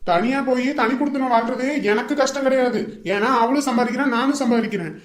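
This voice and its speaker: A woman's voice: fairly high pitch, quick pace, close to an everyday voice. A woman acting as a defiant newly married son in a comedy skit, talking bluntly and making threats. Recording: roomy echo.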